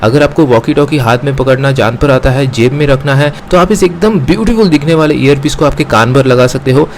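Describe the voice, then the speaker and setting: Addressing his viewers, a man with an Indian accent unboxes and reviews a product for his gadget channel, explaining each step and dropping in English phrases. He talks briskly in a mid-range voice, with slight background noise.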